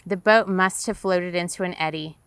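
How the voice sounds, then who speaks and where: A woman's voice: lowish voice, steady tone, normal speed, fairly bright tone, clear, resonant tone, no room sound. A woman author reading her own novel aloud in tense, vivid first-person narration.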